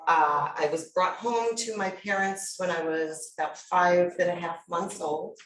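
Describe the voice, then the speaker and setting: A middle-aged New York woman introduces herself as a workshop presenter on a conference panel, telling her story candidly and bluntly. Her voice is lowish, steady, fairly bright, and measured in pace. Recorded from afar in an echoey conference room, it carries a little hiss or hum.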